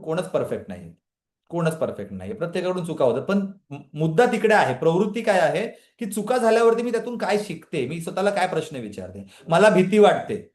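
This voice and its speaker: A man's voice: high voice, reverberant. A man leading a live online motivational session, questioning his listeners and prompting them to answer in the chat. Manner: energetic motivational talk, questioning the audience, often addressing a live chat. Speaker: trainer leading a women's empowerment session.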